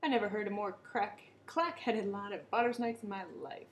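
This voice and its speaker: A woman voicing a loud, bossy king of the snakes who roars and shouts his lines in a children's storybook. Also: mid-range voice, moderate pace, a little hiss or hum, lightly acted. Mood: roaring. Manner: roaring, shouting.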